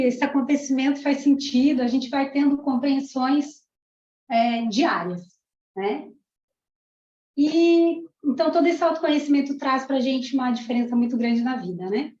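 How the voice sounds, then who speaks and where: A woman from Argentina, a parapsychologist and teacher in her thirties, giving an emotional, chatty testimonial to a class. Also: high-pitched. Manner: warm, emotional, chatty, many "né"s. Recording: roomy, dull lo-fi room sound.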